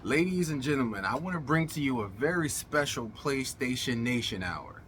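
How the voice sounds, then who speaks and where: A man's voice: mid-range voice, lively intonation, normal speed, a bit bright, a little hiss or hum. A middle-aged man hosting a casual gaming vlog, speaking in an emphatic, colloquial showman's way, his words slightly slurred as if from a swollen mouth. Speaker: gaming channel host. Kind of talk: casual vlog monologue to viewers.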